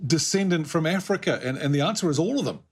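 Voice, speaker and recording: A man's voice: on the high side, expressive, fast talker, breathy edge. A man in casual conversation about faith, chatting easily and telling a personal anecdote.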